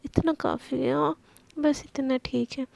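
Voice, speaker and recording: A woman's voice: sits high, fairly even intonation, measured pace, vocal fry, a little mellow, dry recording, heavily acted. A woman voicing a tired, blunt young woman office worker who grumbles and teases in a storybook tale. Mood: teasing. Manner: teasing, grumbling.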